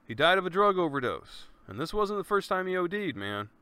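A man's voice: high-pitched, sing-song, brisk, sharp tone, clear, resonant tone, no room sound. A man hosting his own podcast in a casual, earnest monologue, talking loosely and often saying "man". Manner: laid-back, earnest, peppers speech with "man" and swearing. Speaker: podcast host.

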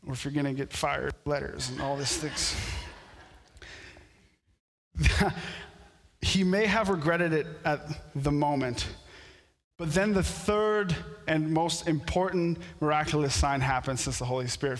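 A French-speaking-born pastor delivers a sermon in a church sanctuary, telling stories that swell into animated outbursts. His male voice sits on the high side, and the room leaves a long reverb tail.

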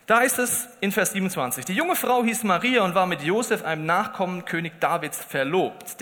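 A man with a high, bright voice delivers a humorous sermon. He tells lively stories and acts out the quoted lines. A long reverb rings from the hall around him. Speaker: preacher.

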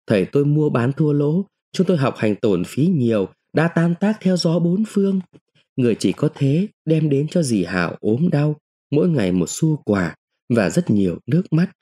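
A man reading a literary short story aloud in the first person, with an expressive, dramatic delivery. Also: medium pitch, slightly rough. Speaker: narrator.

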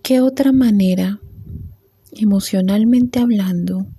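A woman leading a guided meditation in a soft, calm voice with long pauses. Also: medium pitch, slightly rough.

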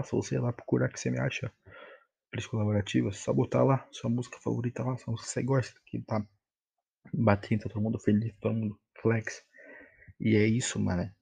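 A man's voice: lowish voice, vocal fry, darkish tone, slightly rough. A young Brazilian man from Bahia rambling casually as a solo podcast host, in heavy informal street slang with some swearing. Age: young adult.

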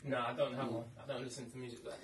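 A man's voice: medium pitch, flat delivery, rapid-fire. A man in casual, teasing banter. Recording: loud background noise, off-mic.

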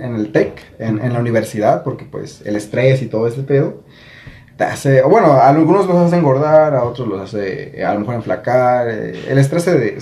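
Un hombre joven con acento mexicano que conduce un pódcast en charla casual, bromista y animado. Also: male voice, mid-range voice, echoey room. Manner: joking, animated, mimics people in funny voices. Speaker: podcast host. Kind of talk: casual chat.

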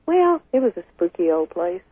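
A woman's voice: lowish voice, big pitch swings, moderate pace, slightly rough, no echo. A woman chatting casually as a caller to a radio show, speaking over the phone. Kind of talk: casual chat. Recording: dull dry phone call on radio.

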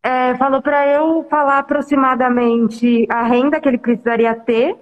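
A woman with a very high voice explains haltingly how she pitches to clients. She sounds distant in a long reverb. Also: steady tone, dull audio. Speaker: real estate broker. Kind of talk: casual chat.

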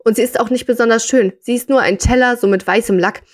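A woman's voice: on the high side, fairly even intonation, quick pace, natural voice. A woman reading aloud as a cheerful young man who lost everything and keeps talking about his broken kitchen clock. She reads his lines in an eager, insistent way. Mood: earnest. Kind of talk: reading a short story aloud.

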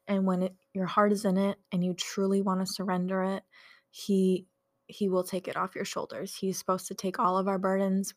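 An earnest young woman talks casually to her viewers, her speech dotted with fillers. Her voice sits at an ordinary middle pitch. She sounds chatty and heartfelt. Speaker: faith vlogger. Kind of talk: casual devotional talk.

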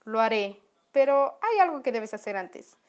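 A woman voicing a small, scared but clever male piglet in a storybook reading, with high squealing pleas. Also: very animated, moderate pace, muffled recording. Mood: coaxing.

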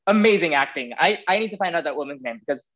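A man co-hosting a casual film podcast, talking excitedly with lots of "like" and laughter. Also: a little high, fast, dull audio. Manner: excited, laughing, heavy use of "like". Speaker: podcast co-host.

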